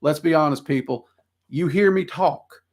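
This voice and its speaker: A man from the Southern United States hosts a casual livestream, fielding viewer questions with plenty of ums. His voice is slightly high and darkish, at a normal speed, and his answers ramble in a self-deprecating way.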